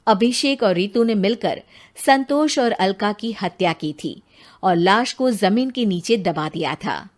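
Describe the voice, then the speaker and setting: A woman's voice: medium pitch, lively intonation, measured pace. A woman narrating a cartoon horror story in a dramatic storytelling voice.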